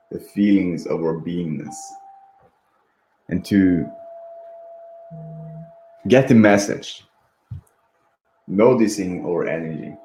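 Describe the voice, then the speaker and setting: A man with a low-sitting voice leads a guided meditation gently and unhurriedly, repeating himself and leaving long pauses against a background. The recording has a roomy echo and faint background noise.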